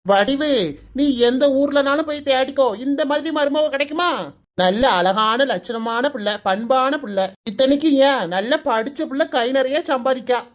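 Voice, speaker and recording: Cartoon dad, voiced by a woman, Kanyakumari Tamil accent, slow and soothing, high voice. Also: natural voice. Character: calm middle-aged village husband and father, pious.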